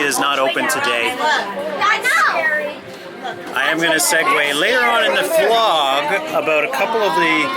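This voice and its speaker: A man giving casual, enthusiastic vlog commentary while visiting an amusement park. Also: a little high. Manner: chatty, enthusiastic. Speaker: vlogger. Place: amusement park, outdoors and tower cabin. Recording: loud crowd and ambient park noise.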